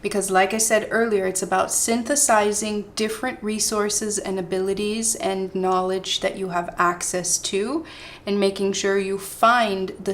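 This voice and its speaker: A woman's voice: medium pitch, fairly bright tone. A woman giving a pick-a-card tarot reading in a loose, digressive monologue, often checking in with the listener. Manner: digressive, checks in with "right?" and "okay?". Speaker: tarot reader.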